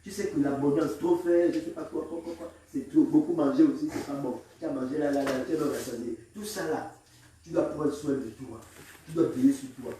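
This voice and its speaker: A man preaching a call-and-response sermon as pastor, exhorting the congregation, repeating lines for them to echo and breaking into shouts. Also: a little high, fairly quick, slight background noise. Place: large echoing church. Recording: very echoey hall, mic far off.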